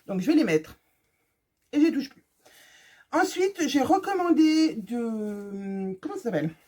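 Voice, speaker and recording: A woman's voice: fairly high pitch, big pitch swings, measured pace, warm tone. A woman chatting casually to her viewers in a sewing fabric haul vlog, joking as she shows each fabric, recorded on her phone. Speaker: sewing vlogger. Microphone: phone camera.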